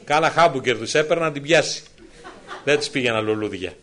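A middle-aged man preaching his personal testimony, moving from soft asides to loud, excited exclamations. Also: medium pitch, slight background noise. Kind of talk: sermon testimony storytelling.

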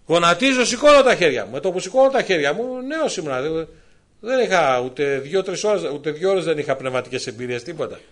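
A middle-aged man preaching his personal testimony, moving from soft asides to loud, excited exclamations. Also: sits high. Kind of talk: sermon testimony storytelling.

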